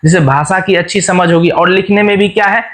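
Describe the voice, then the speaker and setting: A man's voice: sits high, fairly even intonation, brisk, fairly bright tone. A man teaching an exam-prep lesson, who explains each question and then restates it in plain words, often checking back with his viewers.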